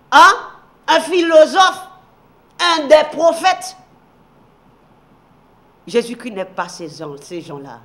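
A man with a strikingly high voice teaches the Bible on television. He reads scripture aloud and turns to the viewers, then swings from loud emphatic declaring to hushed, low asides.

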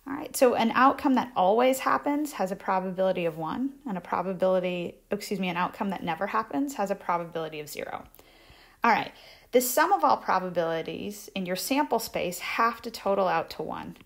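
A woman's voice: medium pitch, animated, brisk, creaky. A woman math instructor giving a conversational recorded lecture over slides, repeating key points and checking in with "right?" often.

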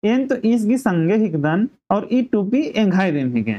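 A woman voicing a guileless young village man proud of his cap, speaking slowly and eagerly, on a dull lo-fi recording. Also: mid-range voice, sing-song, dark tone, pitched above the performer's own voice.

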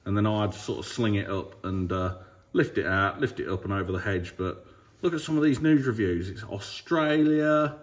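A man's voice: on the low side, a bit bright. A man in his thirties, a farmer vlogging from his yard and workshop, talking chattily and jokily into a phone held at arm's length. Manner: chatty, jokey, matter-of-fact storytelling. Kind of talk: casual vlog chat. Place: outdoors in a farm yard and indoors in a workshop. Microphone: handheld phone at arm's length.

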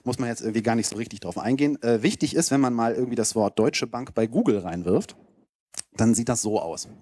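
Here a fast-talking man with a mid-range, warm voice gives an informal slide presentation as a conference keynote speaker. His delivery is casual, loose and rambling, aimed at an audience in a lecture hall. He uses a close handheld mic, and the sound is dry.

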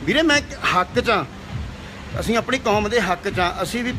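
A man's voice: sits high, expressive, moderate pace, a crowd in the background, noisy background. Heated young man ranting. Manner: heated, scolding, repeats himself. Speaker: actor and singer. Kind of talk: angry video rant.

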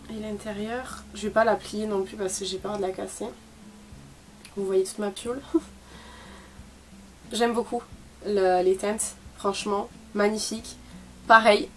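A woman's voice: medium pitch, a little hiss or hum. Young female beauty vlogger, casual haul chat, chatty with fillers and light laughs. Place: her bedroom.

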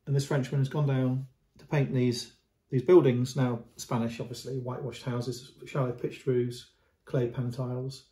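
Mellow-voiced man explaining a painting. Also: mid-range voice, level tone, normal speed. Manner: unscripted, repeats words and restarts, gestures at the canvas. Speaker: antiques dealer. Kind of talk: casual video commentary on a painting. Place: indoor room at home. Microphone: camera at close range. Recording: roomy echo.

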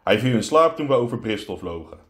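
A man's voice: mid-range voice, sing-song, a little fast, roomy sound, close to an everyday voice. A man doing Hagrid, a stammering tearful giant. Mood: sheepish. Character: huge gruff soft-hearted male giant.

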